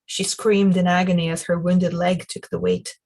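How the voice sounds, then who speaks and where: Breathy woman reading a story aloud. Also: on the low side, little pitch movement, normal speed, a little mellow.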